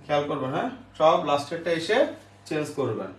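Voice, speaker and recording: High-voiced male teacher. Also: very animated. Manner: repeats words slowly, checks with "ok?". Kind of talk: online English grammar class. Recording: roomy echo.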